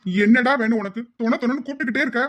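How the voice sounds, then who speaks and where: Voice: medium pitch, racing, a bit bright, close to an everyday voice. A performer voicing a grumbling young man who snaps at his friend, in an amateur audio drama. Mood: irritated. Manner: snappish, grumbling. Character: irritated young man in love.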